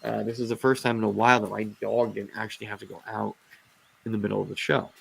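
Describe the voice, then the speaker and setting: On a low-quality recording, a man with a fairly low, fairly bright, slightly rough voice with vocal fry talks fast in a level tone. He hosts a casual reptile livestream, rambling and ranting with many fillers and restarts while losing his voice.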